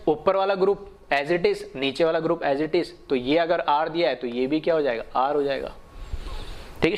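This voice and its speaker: Male chemistry tutor, slightly high pitch, quizzes himself aloud, dictates definitions word by word. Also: a little hiss or hum. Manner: slow, dictated English definitions; asks questions then answers them. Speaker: chemistry teacher. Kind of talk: online lecture.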